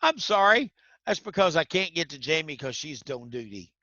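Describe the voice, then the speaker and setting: A man's voice: fairly high pitch, sing-song, normal speed, pushed and bright, no echo, dull audio. A man teaching an online class, folksy, quizzing students by name. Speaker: instructor.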